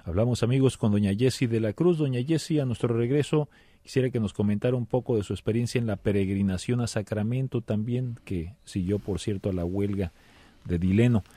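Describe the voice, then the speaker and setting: A man hosting a radio show, calmly introducing guests and taking callers. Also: lowish voice, brisk, no echo. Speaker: radio host. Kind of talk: radio interview.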